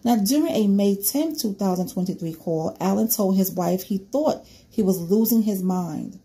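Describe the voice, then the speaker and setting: A woman with a warm, mellow voice talking through a true crime case to her audience. She reads from a report, then chats loosely, full of "you know," and keeps turning to her viewers with questions. Her pitch sits in a middle range. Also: animated, normal speed, slightly rough. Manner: conversational, poses questions to viewers, many "you know" fillers. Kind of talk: reading a news report, then casual commentary to viewers.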